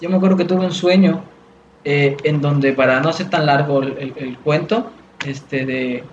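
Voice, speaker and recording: A man tells a long personal story about faith in a relaxed chat. His voice sits fairly high for a man, and he circles through his story with fillers and restarts. The room is echoey and the sound is a little dull. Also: moderate pace, slight background noise. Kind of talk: casual chat, personal testimony.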